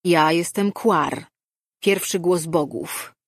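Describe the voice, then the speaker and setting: An audiobook narrator voicing a mysterious male cult-leader sorcerer, speaking slowly and louder than the narration. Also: a little high, no echo, studio quality. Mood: solemn.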